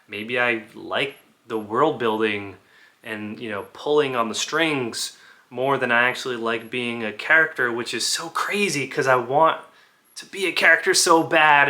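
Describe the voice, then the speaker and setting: Male channel host, mid pitch, very bright tone, rambling and analogy-driven casual talk. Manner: rambling, full of "like" and restarts, builds analogies. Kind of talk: casual video commentary.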